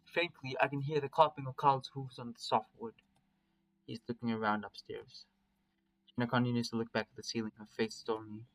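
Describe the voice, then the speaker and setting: A man's voice: medium pitch, little pitch movement, fairly quick, low-quality recording. A man reading a first-person story aloud in a casual, plain way, with small slips and restarts.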